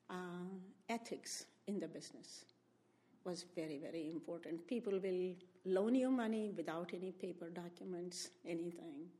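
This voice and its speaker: A woman's voice: fairly low pitch, a little mellow. A woman in her seventies from India with an Indian accent, recalling her family's story in an oral history interview at a library. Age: 70s. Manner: reflective, spells out names letter by letter. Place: public library room.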